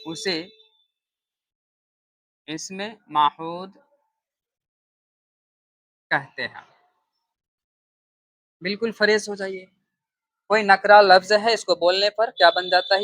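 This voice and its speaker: A man teaching Urdu grammar as a class-style lesson. He asks himself questions, answers them, repeats the key terms and draws words out slowly as he writes them. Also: sits high, a bit bright, no echo. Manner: slow, drawn-out stress on terms while writing.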